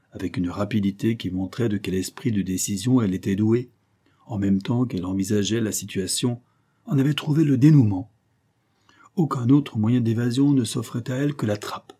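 A man narrating a classic adventure novel aloud in a measured, dramatic reading. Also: lowish voice, dark tone, slightly rough. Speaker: audiobook narrator. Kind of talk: scripted narration.

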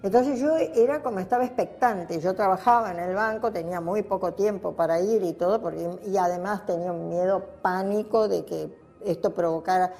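Over soft background music, an older woman with an Argentine accent gives personal testimony in a mellow, medium-pitched voice. She talks a little fast with hardly any pauses, remembering reflectively and spontaneously and repeating herself for emphasis.

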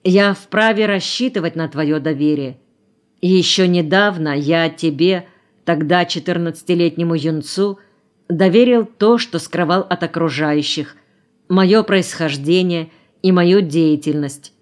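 A woman reading an audiobook voices a composed, stern grown man who speaks in a measured, authoritative way. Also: on the low side, natural voice. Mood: calm firm.

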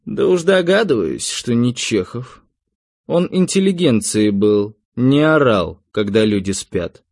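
A man voicing a sharp-tongued, mocking woman witch in an audiobook, curt and sardonic. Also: mid-range voice, expressive, measured pace. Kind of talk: audiobook character reading.

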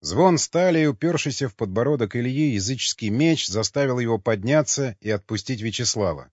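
A man narrating an audiobook with a steady, expressive reading. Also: medium pitch, a little fast, no room sound. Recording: dull dry lo-fi sound.

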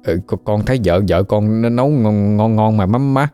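A man's voice: fairly low pitch, normal speed, dark tone, clean tone, faint music behind, natural voice. A man voicing a timid grown son who stammers.

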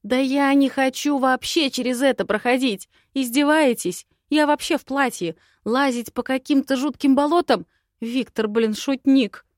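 A feisty young bride in a storybook, high and shrill, firing off exasperated, sarcastic outbursts, as a woman reader voices her. Her cries come out loud and sharp, in a dry, close recording. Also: moderate pace, dry recording, close to an everyday voice. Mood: panicked.

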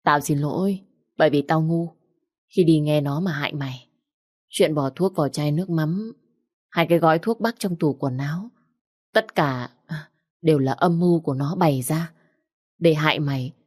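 Storybook: gruff, blunt older sister voiced by a woman, low voice, dry sound. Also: normal speed, pauses often, darkish tone, no echo. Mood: confessing. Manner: blunt, coarse. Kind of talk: storybook reading.

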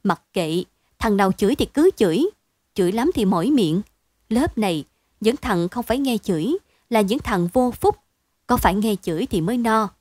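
A woman reading a story aloud in a steady, expressive bedtime storytelling manner. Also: mid-range voice, moderate pace, husky, no room sound. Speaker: narrator.

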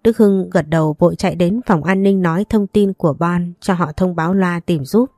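A woman narrates a story in a steady, even way. Her voice is low and mellow, and the recording is dry and close to the mic. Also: moderate pace, dry recording.

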